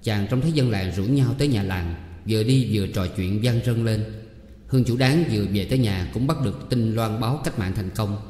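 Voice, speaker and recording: A man narrating a story in a measured, even reading voice. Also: on the low side. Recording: echoey reverberant room.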